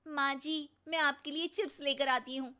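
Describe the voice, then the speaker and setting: A woman's voice: sits high, steady tone, normal speed. A young woman voicing a polite, dutiful daughter-in-law in a cartoon, speaking earnestly. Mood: placating. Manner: earnest, gently pleading.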